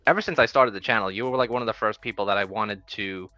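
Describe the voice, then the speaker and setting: A man's voice: lowish voice, quick pace, pushed and bright, no echo, muffled recording. A man with a New York accent hosting a casual livestream interview over a video call, upbeat and joking. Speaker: host.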